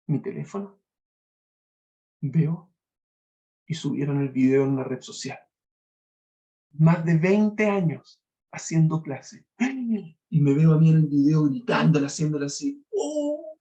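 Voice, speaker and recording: Chilean man giving a mellow, animated talk. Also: fairly high pitch, lo-fi sound. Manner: acts out scenes with raised voice. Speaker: university lecturer. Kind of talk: lively educational talk.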